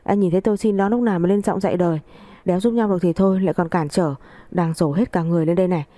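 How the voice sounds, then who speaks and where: A rude, hot-tempered young man snapping back fast and insolently, as a woman narrator voices him. The tone is low and mellow, while the delivery is sharp and quick. The reading is dry and close to the mic. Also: fairly even intonation, no echo, lightly acted. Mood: defiant angry.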